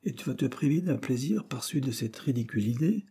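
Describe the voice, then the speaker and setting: A man's voice: mid-range voice, animated, fairly quick, warm tone, breathy edge. A man voicing a sulky, idle schoolboy who grumbles impatiently.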